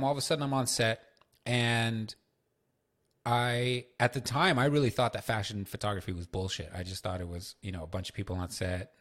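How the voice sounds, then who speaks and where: A man hosting a solo podcast, telling loose, profane stories with lots of fillers. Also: low-pitched. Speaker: podcast host.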